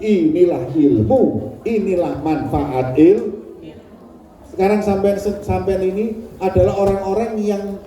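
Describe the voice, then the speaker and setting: A man's voice: high-pitched, unhurried, slight background noise. A man preaching in a mosque, telling a story and acting out its quotes. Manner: lively, acts out the quotes in his story. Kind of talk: storytelling sermon. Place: mosque hall. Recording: echoey hall, mic from far off.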